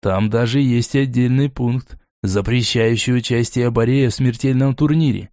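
A man doing a low, calm, cunning envoy. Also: normal speed, no echo, studio quality, natural voice. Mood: lecturing. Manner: low, quiet and insinuating.

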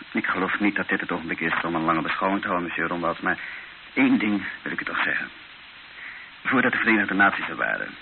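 In a radio drama, an actor with a low, gravelly male voice plays an earnest, patient priest who heads a mission. His delivery is measured and gently insistent. The old radio recording is noisy and narrow-band.

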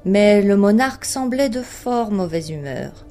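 A woman narrating a literary short story in a measured, expressive audiobook reading. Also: mid-range voice, faint music behind.

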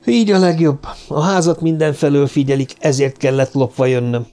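Male reader playing a bold young frontiersman, urgent and commanding, pitched a little above the narration. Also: fairly even intonation, mellow, natural voice.

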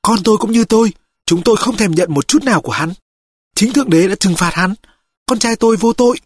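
A bitter older mother, fierce and indignant, as a man puts her on in a raised voice. She speaks with sharp resentment in an audiobook reading. The sound is dry and close. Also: high-pitched, brisk, husky, no echo, pitched above the performer's own voice.

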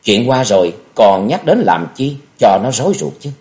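A man doing a deep, consoling elder brother. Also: sing-song, moderate pace, natural voice. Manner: soft, hesitant, soothing. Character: older sworn brother, calm and consoling man.

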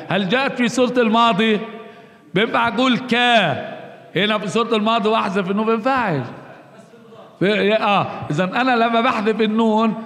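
High-voiced male teacher in an echoey hall. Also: a bit bright. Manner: slow, repetitive explaining with rhetorical questions he answers himself. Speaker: Arabic grammar teacher. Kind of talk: classroom grammar lesson. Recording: long reverb, roomy hall.

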